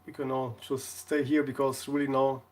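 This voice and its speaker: A man's voice: medium pitch, flat delivery, moderate pace. A man chatting casually on a live stream, rambling through anecdotes and laughing often.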